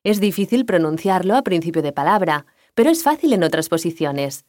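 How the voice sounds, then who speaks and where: A woman giving a scripted language lesson, explaining pronunciation clearly and calmly. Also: on the low side, brisk, dry recording, studio quality. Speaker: language teacher.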